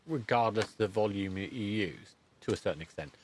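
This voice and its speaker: A middle-aged man with a lowish voice hosts a podcast interview, rambling conversationally and often breaking off to correct himself in a halting way. There's a little hiss or hum in the background.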